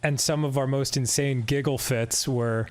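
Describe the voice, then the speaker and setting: A man hosting a casual chat, relaxed and laughing easily. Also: medium pitch, normal speed. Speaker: host.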